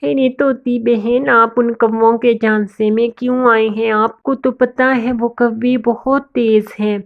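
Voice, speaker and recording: A woman's voice: a little high, steady tone, unhurried, narrow, tinny audio. Woman voicing Lado, a sensible bird. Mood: advising. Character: sensible wise female cartoon bird.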